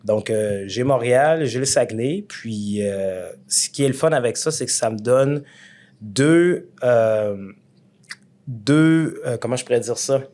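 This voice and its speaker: A man in his thirties with a Quebec French accent, a guest telling his story in a relaxed, reflective way. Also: medium pitch, measured pace. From Rwanda, raised in Quebec. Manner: relaxed, reflective, with fillers and repeats. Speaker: guest, construction entrepreneur. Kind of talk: casual interview talk.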